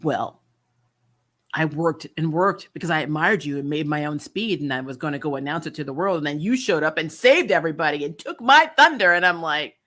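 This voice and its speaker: A woman with a low, expressive, somewhat bright voice talks fairly quickly as the host of a TV recap channel. Her review is casual and opinionated, blunt and full of swearing, and she sounds exasperated, repeating herself to drive points home.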